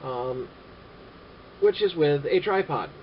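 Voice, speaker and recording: A man vlogging casually about his camera gear, rambling and halting with many filler sounds and dry sarcastic asides. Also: on the high side, lively intonation. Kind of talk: casual gear-review vlog. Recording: dull lo-fi audio with faint noise.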